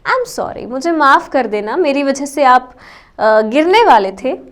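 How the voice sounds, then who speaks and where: A woman voicing a small, gentle female squirrel who speaks softly and politely. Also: very high-pitched, lively intonation, unhurried, heavily acted. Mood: apologetic. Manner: soft and polite.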